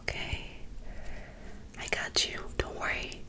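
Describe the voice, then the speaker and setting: Casting: woman, twenties, for whispered ASMR role-play as a face-care attendant; breathy whisper, clipped repeated words, unhurried overall. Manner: whispering throughout. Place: small dim bedroom, indoors. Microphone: close in front of her.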